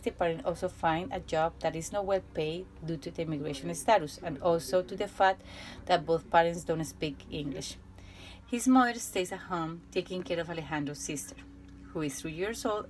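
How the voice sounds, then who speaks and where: A woman teacher from Colombia with a Colombian Spanish accent, Spanish her first language, reading a prepared report in a careful, halting way with restarts and fillers. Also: fairly low pitch, poor audio.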